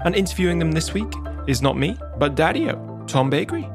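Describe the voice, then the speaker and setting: A man's voice: fairly high pitch, big pitch swings, a little fast. Playful man hosting over music. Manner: playful, jokey. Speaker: podcast host. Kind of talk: scripted podcast intro.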